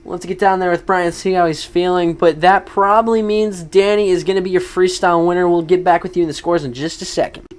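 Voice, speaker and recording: Perform as a high-voiced, excited man calling monster truck stunts. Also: smooth. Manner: energetic, hypes each move, quick asides. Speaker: lead commentator for a simulated monster truck event. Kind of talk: excited play-by-play commentary.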